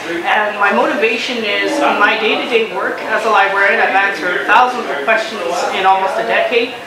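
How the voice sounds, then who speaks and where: A Canadian woman in her thirties lays out her campaign, speaking at a mid pitch in a measured, explanatory way with frequent pauses. She sounds a little off the mic in a roomy space. Loud crowd chatter fills the background. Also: recorded from a distance. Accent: Canadian English. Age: 30s. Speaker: council candidate. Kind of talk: campaign interview statement.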